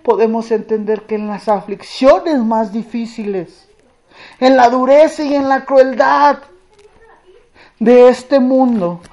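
A woman preacher addressing her congregation in an earnest sermon and telling a moving story, often dropping to a hush. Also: a little high, steady tone. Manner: slow, earnest, drops to a hush.

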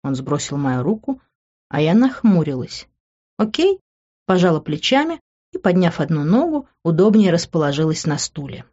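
A woman reading a first-person audiobook narration in a playful, lively way, switching between character voices. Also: deep voice, normal speed. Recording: dull lo-fi recording.

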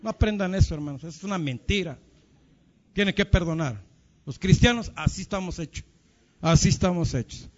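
A man's voice: high-pitched, brisk. A male pastor preaching a sermon, telling stories and calling his listeners brothers. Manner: animated storytelling, addresses congregation as brothers. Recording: dull lo-fi recording.

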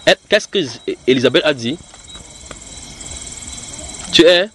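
A man's voice: on the high side, lively intonation, a little slow, fairly bright tone, slight background noise. A man hosting a heated religious debate, insistent, repeating himself and cutting in.

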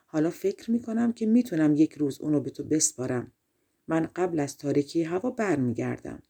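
Woman reading as a five-headed giant, storybook, demanding, mellow, breathy. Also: low voice, animated, heavily acted. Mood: commanding. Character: five-headed male giant, gruff master.

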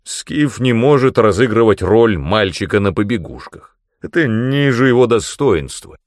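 A man voicing a grumpy, blustering male demon mentor in an audiobook, given to loud indignant outbursts. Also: on the low side, animated, measured pace, no room sound, studio quality. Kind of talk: audiobook character reading.

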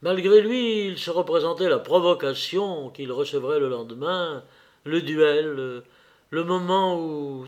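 A man reading a classic novel aloud in a measured way, with small hesitations now and then. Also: fairly high pitch. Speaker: audiobook reader. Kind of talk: audiobook narration.

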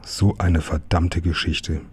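A man voicing an earnest, polite young boy, in a low, husky voice. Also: flat delivery, takes it slowly, full character voice. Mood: worried.

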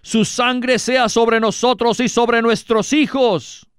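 An angry crowd, as a scripture reader puts it on, calls out in high, drawn-out cries. The voice jumps well above its usual pitch and stays smooth. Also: male voice, fairly even intonation, no echo, studio quality. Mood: shouting. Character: angry shouting crowd of people.

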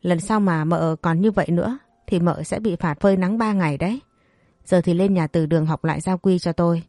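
A woman's voice: on the low side, fairly quick, mellow, no echo, clean studio sound, close to an everyday voice. A woman voicing a strict older matriarch who lectures in a stern way.

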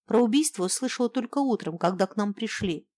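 A woman's voice: medium pitch, expressive, a little fast, dry recording, studio quality, voice pushed up, close to an everyday voice. Woman doing a timid, hesitant neighbor woman. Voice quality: soft, hesitant and wary.

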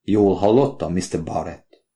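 A man's voice: deep voice, dark tone, lightly acted. A man voicing a stiff, formal older law dean in an audiobook. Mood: incredulous.

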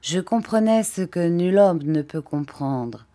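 Slow, dark-voiced woman reading a story. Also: lowish voice. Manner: measured, expressive reading. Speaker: narrator.

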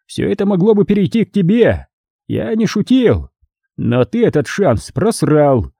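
A man's voice: sits high, sing-song, unhurried, gravelly, dark tone, slightly rough, no echo, clean studio sound, voice pushed up, heavily acted. A man voicing a ruthless, mocking middle-aged male crime lord in an audiobook, speaking in a sneering, imperious way. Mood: furious.

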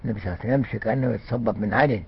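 An older man with an Egyptian accent giving a conversational religious lesson, often pausing with fillers and restarting words. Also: lowish voice, slightly rough. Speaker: religious scholar. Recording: muffled lo-fi recording.

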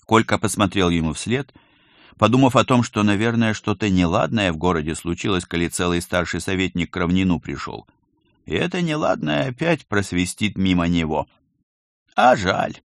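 A man narrating an audiobook in an expressive storytelling manner. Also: deep voice, a little fast, dry recording, clean studio sound. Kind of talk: scripted narration.

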